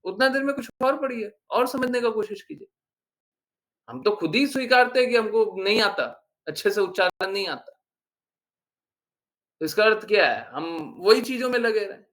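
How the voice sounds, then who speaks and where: A man leads an informal devotional talk. He is animated and scolds his listeners, firing rhetorical questions at them as a spiritual teacher. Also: sits high.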